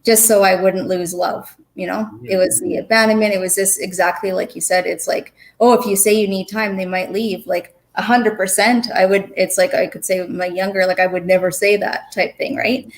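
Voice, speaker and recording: Candid woman guest, mid-pitched. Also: steady tone, moderate pace, few pauses. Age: 40s. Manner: candid, personal, hesitant with restarts. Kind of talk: casual conversation.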